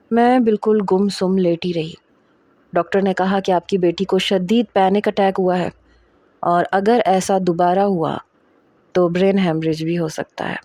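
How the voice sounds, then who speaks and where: A woman's voice: medium pitch, mellow, no room sound, clean studio sound. A woman narrating a romantic first-person story, reading in a dramatic, emotional way and acting out the dialogue.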